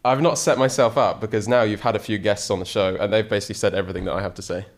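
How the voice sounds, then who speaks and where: A man's voice: on the low side, steady tone, racing, slight background noise. A man, a guest chatting enthusiastically in a casual interview and often restarting his sentences. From England. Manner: enthusiastic, rambling with frequent restarts. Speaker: podcast guest, ocean sailor.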